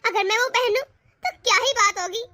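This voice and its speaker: A woman voicing a spoiled, eager young college girl in an animated family cartoon, wheedling to get her way. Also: very high voice, normal speed, no echo.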